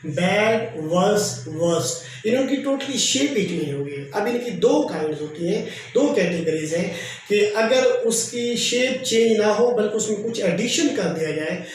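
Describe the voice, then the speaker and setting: A man teaching a grammar lesson, explaining slowly and repeating each example. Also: sits high, expressive. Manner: slow, repetitive explaining. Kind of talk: classroom lecture. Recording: very echoey room, faint noise.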